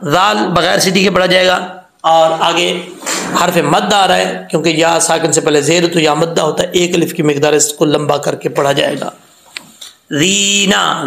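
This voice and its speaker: A man teaching Quran reading, patiently spelling out syllables and slowly chanting the words. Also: a little high, creaky, fairly bright tone, echoey room.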